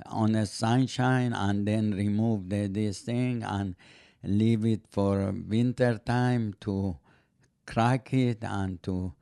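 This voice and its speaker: Gravelly older man in halting English. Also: fairly low pitch, fairly even intonation, dark tone, no room sound, studio quality. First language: not English. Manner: halting, broken English with many fillers. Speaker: podcast guest, host's father. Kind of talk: casual chat.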